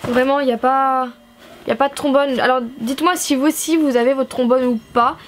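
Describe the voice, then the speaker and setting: High-voiced gushing young Frenchwoman. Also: fairly even intonation, brisk. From France. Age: young adult. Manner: gushing, enthusiastic, chatty with fillers. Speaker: YouTuber unboxing stationery. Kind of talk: casual vlog unboxing.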